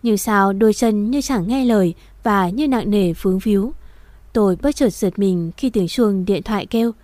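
Female storyteller, soft and emotional, mellow tone, dry close recording. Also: medium pitch, moderate pace, no echo. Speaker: narrator. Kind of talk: first-person audio story reading.

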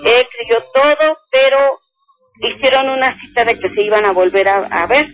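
An older woman calling a radio show, slowly and earnestly telling a personal story and quoting each speaker. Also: fairly high pitch, faint music behind, low-quality recording. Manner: slow, earnest retelling that quotes each speaker. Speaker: caller.

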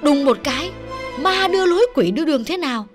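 A man's voice: extremely high pitch, lively intonation, fast, over music, voice pushed up. A man voicing a middle-aged official's wife who pleads, chatters and confides a secret. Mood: pleading.

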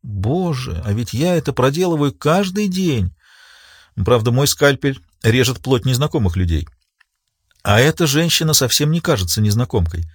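A man's voice: mid-range voice, sing-song, normal speed, breathy edge, dry recording, studio quality. A man voicing a shaken, weary woman pathologist. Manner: quiet, muttering. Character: weary female pathologist, tense and subdued.

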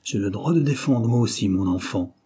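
A man voicing a brave young mother in a storybook, firm and resolute. The voice stays husky and dark, close to the reader's own. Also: fairly low pitch, brisk.

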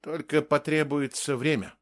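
A man's voice: on the high side, steady tone, normal speed, natural voice. A man reading an audiobook and voicing an anxious, earnest male doctor who speaks in a raised, eager voice and often hesitates. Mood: hesitant. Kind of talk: audiobook character voice.

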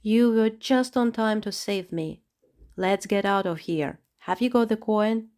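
A woman's voice: mid-range voice, a little slow, a little mellow, close to an everyday voice. Woman voicing a polite female doll, sensible, reasoning, storybook. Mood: earnest.

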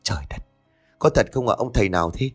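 A man voicing a frantic, worried middle-aged mother who pleads in a raised, shrill voice. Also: expressive, fast, soft background music. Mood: anxious.

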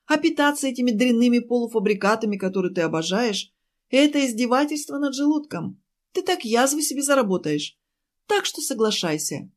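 A woman voicing a chatty, fussing woman who runs a cafe, pleading and talking fast in an audiobook. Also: fairly high pitch, very animated, pitched above the performer's own voice. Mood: fussy, pleading. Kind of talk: audiobook character voice.

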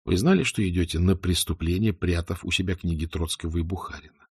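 A man voicing a calm male Soviet intelligence officer, questioning a prisoner in a quiet, measured way. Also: sits low, husky, no room sound, studio quality. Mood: urgent.

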